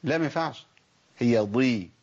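In an animated, fast, slightly rough mid-range voice, a man with an Egyptian Arabic accent teaches Quran recitation aloud, sounding out letters and asking rhetorical questions. The recording quality is dull and lo-fi.

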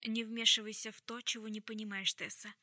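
A woman's voice: medium pitch, level tone, normal speed, creaky, bright, forceful tone, no room sound, clean studio sound. A woman reading an audiobook, voicing a stern, composed woman who speaks in a cold, level way.

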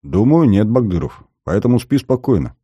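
A man doing a dry, calm lieutenant. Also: lowish voice, normal speed, slightly rough, no echo, highs cut off, pitched above the performer's own voice. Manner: level, commanding, wry. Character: calm young male lieutenant, dry commander.

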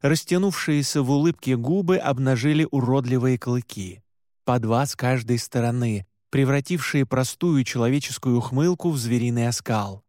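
A man narrating a first-person audiobook in an expressive, dramatic way on a close mic. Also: medium pitch, normal speed, no echo.

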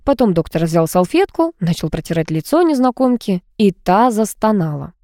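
A woman reads a first-person audiobook with an expressive, animated delivery. Her pitch rises and falls widely over a mellow, unbright tone. The recording is dry and close, with no room sound. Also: moderate pace, no echo. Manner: lively, expressive reading. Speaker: audiobook narrator.

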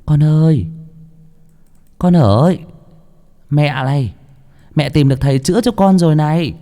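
A man voicing a scornful middle-aged farmer's wife in a ghost story, with a high, brusque voice. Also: measured pace, warm tone. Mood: pleading.

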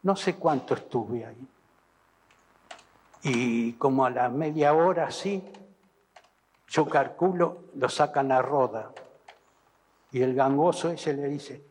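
A man with an Argentine Spanish accent giving halting testimony, repeating and restarting as he retells events, in an archive recording. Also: mid-range voice, a little mellow. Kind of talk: recounting testimony. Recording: archive recording in an echoey hall.

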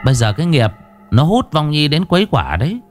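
A man putting on a shrill, boastful old shaman woman. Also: sing-song, brisk, soft background music. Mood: knowing. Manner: shrill, bossy, boastful, haughty. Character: boastful sharp-tongued older female shaman.

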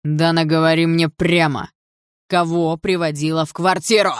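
A woman reading an audiobook, voicing a jealous, furious middle-aged stepfather who shouts and snarls accusations. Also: deep voice, measured pace, gravelly, breathy edge, no room sound, clean studio sound, exaggerated voice.

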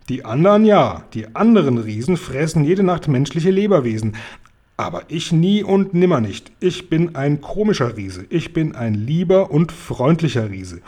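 A man doing a booming, muddled friendly giant. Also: dark tone, breathy edge, heavily acted. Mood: booming proud. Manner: booming, mixes up words. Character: huge, kindly, muddle-headed male giant. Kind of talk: reading a children's book aloud.

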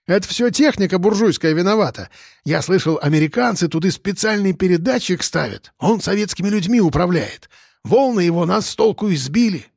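A man's voice: sits high, lively intonation, brisk, creaky, a little mellow, no room sound, studio quality, voice pushed up, heavily acted. Man doing an eager, gullible male drunk. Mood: earnest. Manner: eager, agreeing, rambling. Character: gullible male drunk, fond of conspiracy talk.

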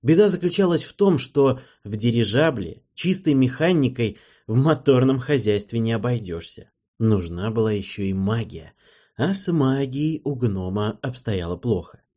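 A man narrating a fantasy audiobook in the first person with a lively, expressive reading. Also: medium pitch.

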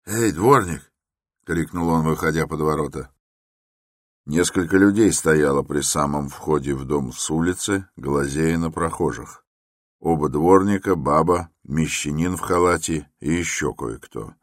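A man narrating a classic novel as an audiobook in a measured, even reading. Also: extremely low pitch, dry recording, studio quality. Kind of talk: scripted literary narration.

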